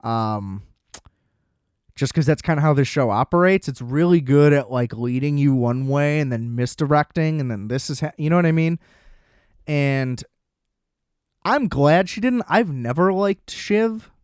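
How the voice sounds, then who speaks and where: A man hosting a solo podcast, chatting casually about TV in an excitable, profane, rambling way. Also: a little high, a little slow, clean tone, no echo, studio quality. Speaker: podcast host.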